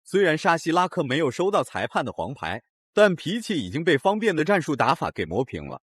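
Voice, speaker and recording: A man's voice: a little high, huge pitch swings, brisk, a bit bright, husky, no room sound, studio quality. A man narrating a scripted recap of a fight in a dramatic, opinionated way. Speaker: video narrator.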